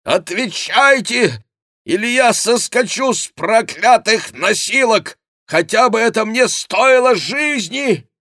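A man's voice: high-pitched, lively intonation, slow pace, no echo, studio quality, voice pushed up, exaggerated voice. A man voicing a furious, jealous older nobleman who bellows from a distance. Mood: furious shouting. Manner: desperate bellowing shout.

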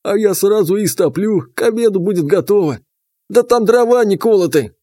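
A man's voice: high voice, animated, moderate pace, warm tone, no echo, pitched above the performer's own voice. A man voicing a hearty, commanding old great-grandfather in an audiobook. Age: older.

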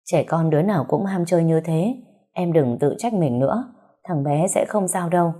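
A woman reading the lines of a calm, protective young male doctor in a storybook, in a soft, soothing way. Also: fairly low pitch, normal speed, natural voice.

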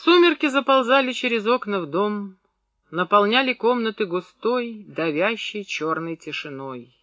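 Bright-voiced male audiobook narrator. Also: high voice, expressive, no echo. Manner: measured literary reading. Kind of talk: scripted narration.

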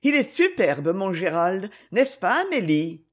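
A haughty, doting aristocratic duchess, put on by a woman reading a storybook, pitched up and bright above the narration. The voice is a little husky and swings widely in pitch. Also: sing-song, measured pace. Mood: proud. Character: proud aristocratic older duchess, doting mother.

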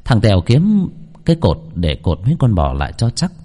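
A man narrating a ghost story in an expressive storytelling manner. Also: fairly low pitch, a little fast.

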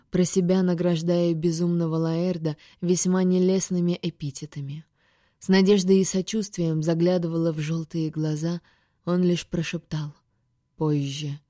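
A woman reading a first-person science-fiction audiobook with steady, expressive narration. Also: fairly low pitch, no room sound, clean studio sound. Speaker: audiobook reader.

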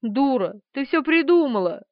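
A woman's voice: high-pitched, lively intonation, a little slow, dry recording, pitched above the performer's own voice. A woman doing a weepy meek steward. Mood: rambling. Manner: weepy, rambling. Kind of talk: audiobook character voice. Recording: slightly dull, dry.

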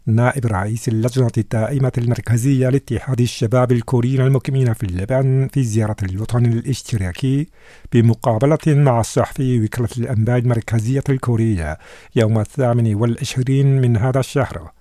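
A man reading scripted news in a slow, measured, solemn delivery. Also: mid-range voice, warm tone, no room sound, clean studio sound. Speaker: news reader.

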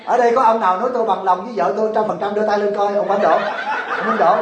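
A man's voice: high-pitched, fairly even intonation, very fast, reverberant, heavy background noise. A man, a Buddhist monk and abbot, gives a humorous dharma talk to a congregation, quizzing them and acting out the people in his stories. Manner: joking, acts out quoted widows and husbands, quizzes the audience. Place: temple hall before a large audience.

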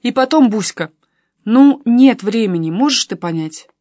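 A woman's voice: on the high side, animated, a little slow, dark tone, no echo, studio quality. A woman reading a pushy, coaxing cousin. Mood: insistent. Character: pushy young adult man, the narrator's cousin. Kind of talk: audiobook reading.

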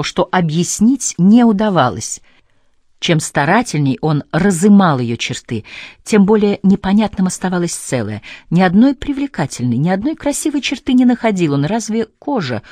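A woman narrating a literary novel in a measured, thoughtful manner, slowing on key phrases. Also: medium pitch, darkish tone, no echo, studio quality. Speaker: audiobook narrator. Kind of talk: scripted narration.

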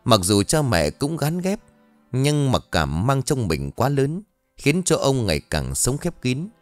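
A man narrating an audio story in a dramatic, expressive reading style. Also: medium pitch, measured pace, no echo, faint music behind.

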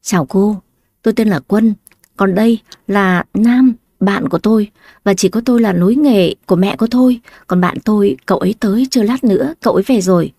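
A woman storyteller voicing a steady, calm young man who took over a bakery, reasoning with people and soothing them. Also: medium pitch, fairly quick, dry recording, clean studio sound, natural voice. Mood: polite.

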